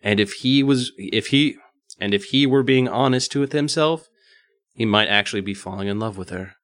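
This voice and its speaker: Man, podcast co-host, lowish voice, dry close sound, reading a novel aloud, stumbles, self-corrections. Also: normal speed, fairly bright tone, no room sound.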